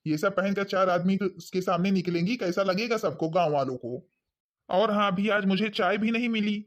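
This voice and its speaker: A man's voice: high voice, moderate pace, lightly acted. A man playing a stern, disapproving old village father-in-law who grumbles about his new daughter-in-law. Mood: grumbling. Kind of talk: village family skit acting. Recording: dull lo-fi sound.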